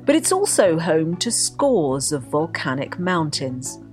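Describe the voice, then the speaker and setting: A woman narrating a documentary script with a husky voice. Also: low voice, sing-song, slow, soft background music.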